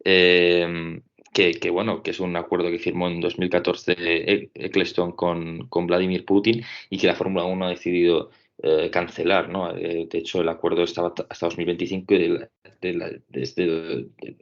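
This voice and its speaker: A man's voice: low-pitched, flat delivery, normal speed. A man from Spain, a podcaster, debating casually and thinking aloud with many fillers and tag questions. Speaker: podcaster and panelist. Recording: dull lo-fi audio.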